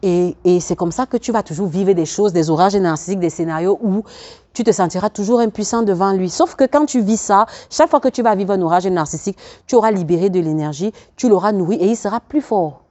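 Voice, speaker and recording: A woman life coach speaks in an earnest, preacherly way, addressing the listener directly and driving points home by repeating them. Her voice sits at a middle pitch. The recording is somewhat dull and lo-fi. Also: a little fast, warm tone. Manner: laughs between points, repeats phrases for emphasis. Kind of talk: self-help video talk to camera.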